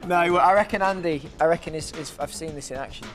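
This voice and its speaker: A man's voice: fairly high pitch, quick pace, over music. A young man from a band, joking and chatting casually. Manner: playful, jokey. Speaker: band member. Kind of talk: casual chat.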